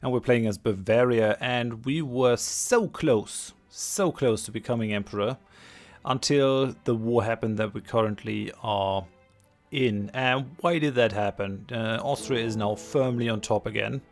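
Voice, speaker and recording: Male gaming host, mid-pitched voice stuffed up with a cold, hesitant let's play delivery, repeats for emphasis, faint music underneath. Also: measured pace. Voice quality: congested, stuffy nose from a cold. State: has a cold.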